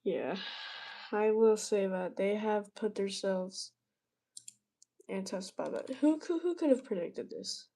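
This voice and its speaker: A woman's voice: mid-range voice, expressive, measured pace, dark tone, rough recording. A woman giving casual, sarcastic commentary on weather posts as she browses, swearing freely. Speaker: weather streamer.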